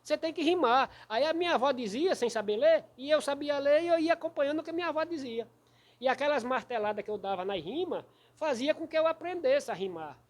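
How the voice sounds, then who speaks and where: A man from Rio Grande do Norte with a Potiguar accent, a cordel poet telling stories in an interview in a folksy, animated way. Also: very high voice, a little fast. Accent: Rio Grande do Norte Brazilian Portuguese. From Santo Antônio do Salto da Onça, Rio Grande do Norte, Brazil. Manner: folksy, animated storyteller who taps out verse rhythm. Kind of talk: storytelling interview.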